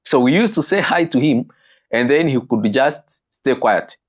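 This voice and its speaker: A man delivers an animated teaching talk about marriage, his pitch leaping suddenly and his pace slowing to stress key phrases.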